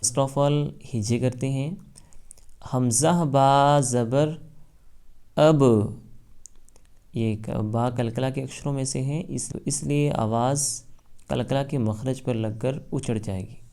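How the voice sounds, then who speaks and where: A man teaching a Quran reading lesson, spelling letters out slowly and loudly, then explaining quickly. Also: medium pitch, steady tone, creaky.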